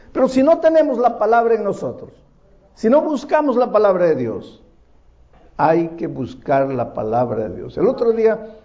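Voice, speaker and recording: High-voiced man preaching a sermon. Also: lo-fi sound. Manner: animated, questioning, folksy storyteller. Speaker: pastor. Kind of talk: sermon with storytelling.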